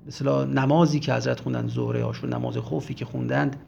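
Gravelly-voiced man giving a religious lecture. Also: medium pitch, little pitch movement, dark tone, a little hiss or hum. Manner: emphatic, retells scenes with acted quotes. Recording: dull lo-fi recording.

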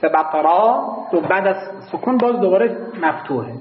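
A man teaching a grammar class, explaining patiently to his students and slowly chanting lines of classical verse. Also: sits high, animated, reverberant, big-room sound, dull audio. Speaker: seminary teacher of Arabic grammar. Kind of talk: classroom lecture.

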